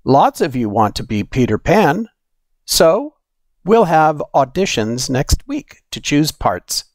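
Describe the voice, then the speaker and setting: Man voicing a brisk, high-pitched schoolteacher. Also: big pitch swings, dry recording, studio quality. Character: brisk, fair-minded schoolteacher.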